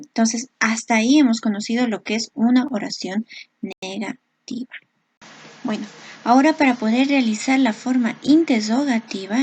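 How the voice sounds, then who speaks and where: Lady teacher explaining grammar slow and patient, kinda high voice, a bit husky, dry close mic. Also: darkish tone. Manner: slow, patient explaining with frequent check-ins. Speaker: English teacher. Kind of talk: online grammar lesson.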